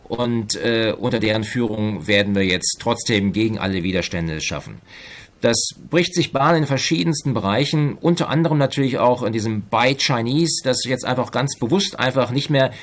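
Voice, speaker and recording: A middle-aged man, an economics professor, giving careful analytical answers in an interview, pausing often to find his words. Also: mid-range voice. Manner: measured, analytical, with frequent hesitations.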